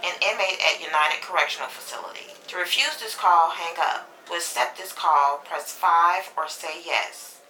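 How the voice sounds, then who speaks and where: Brief: woman as a prison payphone collect-call recording, crisp and lowish, flat scripted read, echoey line. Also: moderate pace, few pauses, slight background noise. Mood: announcing. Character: automated female collect-call operator recording. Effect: heard over a prison payphone line.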